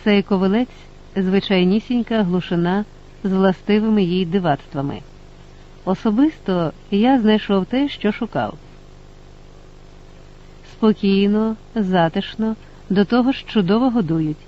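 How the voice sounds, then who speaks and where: A man's voice: high voice, measured pace, pauses often, dull audio. A man voicing a dismissive writer who mumbles in a half-voice.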